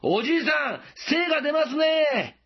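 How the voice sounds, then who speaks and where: A man voicing a passerby who shouts louder and louder to a farmer who cannot hear, in a dull lo-fi recording. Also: very high-pitched, big pitch swings, measured pace, pitched above the performer's own voice, exaggerated voice. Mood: shouting kindly.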